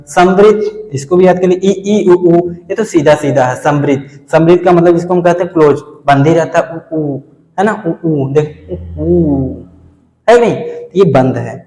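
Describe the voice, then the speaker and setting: A male teacher with a high voice leads an exam-prep grammar lesson. He keeps firing questions at the class, answers them himself, and calls his viewers friends and kids. His voice rings around a roomy space with a long, trailing reverb. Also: moderate pace, mellow. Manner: demonstrates sounds by saying them over and over. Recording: echoey room with a long reverb.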